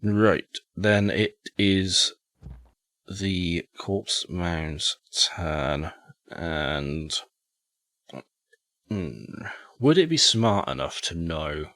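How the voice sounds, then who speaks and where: A man's voice: low-pitched, expressive, drawn-out words, fairly bright tone, no echo. A man running a tabletop game as game master, easygoing and thinking aloud.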